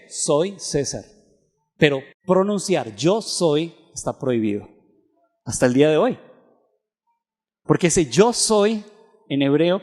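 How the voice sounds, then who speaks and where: A man giving a Bible teaching lecture, reading scripture aloud and asking his audience frequent questions. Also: on the high side. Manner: reads scripture aloud, slowing on verses. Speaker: theology seminar lecturer. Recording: long hall reverb.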